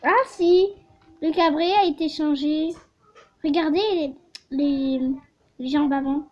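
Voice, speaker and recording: A woman's voice: high voice, steady tone, takes it slowly, a little mellow, dull audio. Young girl with a fading voice. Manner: chatty and giggly, trails off mid-sentence. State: losing her voice. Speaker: gaming vlogger. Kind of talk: casual gameplay commentary.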